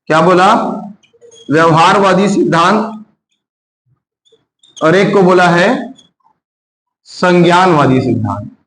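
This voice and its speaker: A man teaching a lecture class, asking his own questions and drawing key terms out slowly. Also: sits high, expressive, a bit bright, roomy sound, rough recording.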